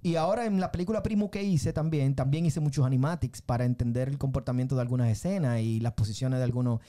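A mellow Dominican filmmaker and musician, appearing as a guest, tells stories in a casual interview. He speaks Dominican Spanish quickly in a mid-range voice, animated, using tag questions and repeating himself.

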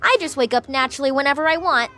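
High-pitched, gloating mischief-making villainess. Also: female voice, quick pace, bright, forceful tone, faint music behind. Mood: mock-innocent. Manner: mock-innocent, gloating. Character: gleeful, smug female mischief-making villain. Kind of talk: children's audio story acting.

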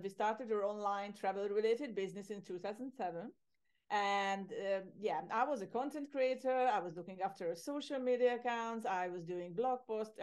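Middle-aged woman from Hungary; relaxed, chatty guest who laughs and loops back mid-sentence. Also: mid-range voice. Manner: chatty, laughs easily, often restarts phrases. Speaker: podcast guest, agency owner. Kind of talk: casual interview conversation.

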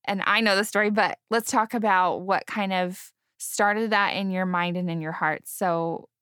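A woman's voice: medium pitch, fairly even intonation, normal speed, fairly bright tone, clear, resonant tone, no echo, clean studio sound. A woman hosting a podcast interview, speaking in an enthusiastic, gushing manner. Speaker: podcast host. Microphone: video call.

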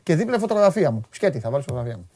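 A man co-hosting a radio talk show in an excitable, teasing way, often cutting in with jokes. His pitch swoops up and down a lot, and the recording is close and dry. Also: dry recording. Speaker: radio co-host. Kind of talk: joking casual chat.

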